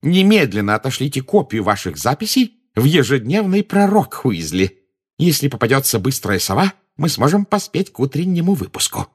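A man's voice: wildly swooping pitch, extremely slow, gravelly, long pauses, full character voice. A man voicing a blustering, pompous minister who barks out his words and gloats. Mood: gloating. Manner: shrill, barking exclamations. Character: blustering middle-aged male minister, gleeful and pompous.

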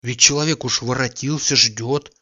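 A fretful, anxious gentleman from a storybook, read by a man, worried and impatient, pressing his questions in an ordinary male voice. The sound is muffled and lo-fi. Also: mid-range voice, steady tone, moderate pace. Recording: dull lo-fi recording.

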